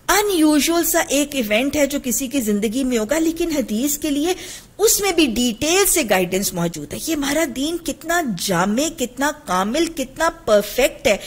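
A woman's voice: a little high, husky. Earnest woman teaching hadith, Urdu accent. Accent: Pakistani Urdu. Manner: earnest, emphatic, mixes English phrases into her teaching. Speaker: Islamic teacher giving a hadith lesson. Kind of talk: religious lesson, reading and explaining hadith.

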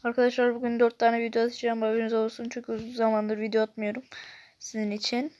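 A young woman who makes gaming videos on YouTube chats casually over her own gameplay, often bursting out in exasperation. Her fairly high, warm voice races along in a monotone, and the recording sounds lo-fi.

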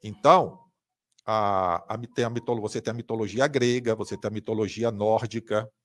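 A man's voice: on the low side, fairly even intonation, normal speed. A man chatting on a livestream in a wry, casual way, often trailing off into fillers.

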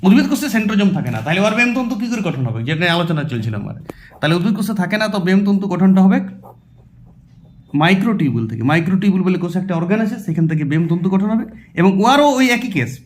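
A man's voice: high-pitched, very animated, rapid-fire. A man with a West Bengal Bengali accent teaching a biology exam-prep lesson, asking questions and answering them himself and repeating terms as he writes them out. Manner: explains by asking and answering his own questions; repeats terms while writing on a board.

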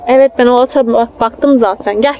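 A young woman's slightly high, dark-toned voice comes through fairly quickly as she chats casually with her child. She's filming on a handheld phone at an outdoor children's theme park, with faint ambient park noise around.

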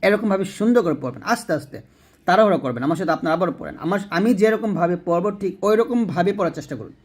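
A fairly high-voiced man leading a Quran recitation lesson. He explains each letter patiently and then chants the phrases slowly, stretching the long vowels for his listeners to repeat. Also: animated, slightly rough.

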